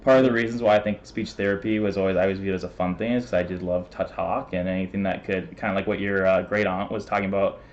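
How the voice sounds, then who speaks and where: A man speaking as a guest in a relaxed chat. His voice sits a little low, and his quick, rambling talk is full of fillers and laughs. The sound is dull and lo-fi, like stream audio. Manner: talks fast, laughs often, many fillers. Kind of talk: casual interview.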